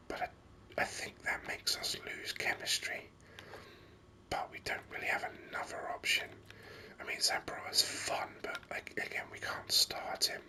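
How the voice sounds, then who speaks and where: A gaming host gives ASMR commentary in a breathy whisper close to the microphone, musing unhurriedly and hesitantly. The sound is pushed and bright.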